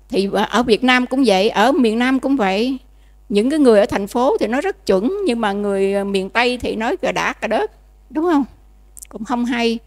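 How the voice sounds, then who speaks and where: A nun, giving a dharma lecture in a conversational way and often checking that listeners follow. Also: female voice, on the high side. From Vietnam. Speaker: Buddhist nun teaching.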